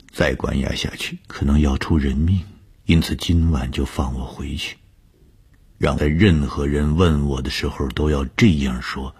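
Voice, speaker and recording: A man narrating a first-person audiobook story, slow and often breathy, sometimes half-whispered. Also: a bass voice.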